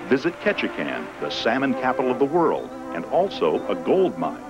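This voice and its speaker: A man narrates a travel promotion in a polished, inviting voice. His pitch moves freely up and down as he reads the script. Music plays clearly beneath him. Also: lo-fi sound.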